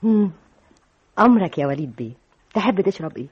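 An actress playing a polite, deferential secretary with an Egyptian accent in an old radio drama. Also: female voice, medium pitch, lively intonation, fast talker, a little mellow, slightly rough. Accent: Egyptian Arabic. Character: polite young woman secretary, eager to please. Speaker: office secretary. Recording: dull old radio recording with music.

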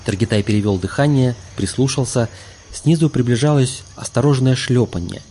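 A man reading a fantasy audiobook aloud in steady scripted narration. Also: medium pitch, normal speed, a little hiss or hum.

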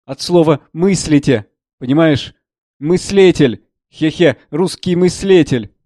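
A man voicing a gruff, sardonic older doctor who holds a general's rank, mocking and blustering, in an audiobook reading of a play. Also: fairly high pitch, normal speed, no echo, studio quality, lightly acted. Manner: blustering, mocking, shouts out bursts.

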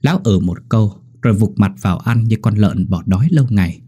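A man narrating a horror story in a steady, grim manner. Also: fairly low pitch, quick pace, slightly rough.

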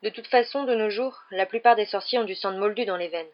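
A woman voicing an indignant twelve-year-old wizard boy in a storybook reading, in a higher, heated voice, with a dull lo-fi sound. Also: fast talker, natural voice. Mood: disgusted.

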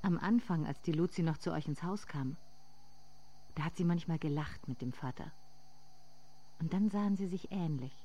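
An actress voices a somber narrator in a literary radio drama, speaking in measured, deliberate phrases. Her voice sits low and sounds mellow.

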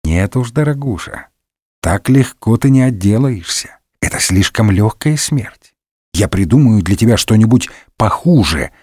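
A man voicing a scheming, seductive noblewoman who coos and teases in a raised, lively voice. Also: a little high, moderate pace, no echo, clean studio sound. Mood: gloating. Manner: cooing and teasing, coldly sly in asides.

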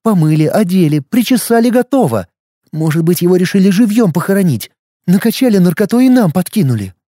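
A man voicing a sharp-tongued young woman who does makeup for the dead, talking in a snappy, indignant way. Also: high-pitched, very animated, a little fast, no room sound, clean studio sound, voice pushed up.

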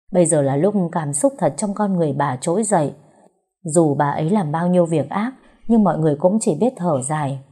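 Somber husky woman narrating a story. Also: deep voice, mellow.

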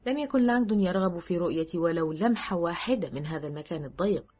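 Husky low-voiced woman narrator. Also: faint music behind. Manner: measured, steady storytelling. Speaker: audiobook narrator. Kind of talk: scripted audiobook narration.

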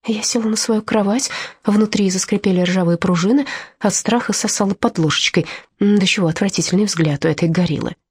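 A woman narrating an audiobook in first person with expressive storytelling. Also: mid-range voice, brisk, slightly rough, dry recording, studio quality.

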